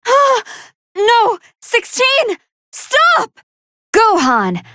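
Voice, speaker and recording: High-pitched, polite android scientist commentator Android 21. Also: female voice, extremely slow, no echo, studio quality, exaggerated voice. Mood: distraught, pleading. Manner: formal, precise, earnest, expressive. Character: polite, soft-hearted female android scientist commentating fights. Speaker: match commentator. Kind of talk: scripted video game fight commentary.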